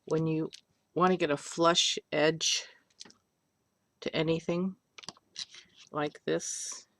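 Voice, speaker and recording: A woman's voice: deep voice, level tone, slow, a bit bright, slight background noise. An older woman teaching a polymer clay craft on a webcam, chatty and rambling, with self-deprecating jokes along the way.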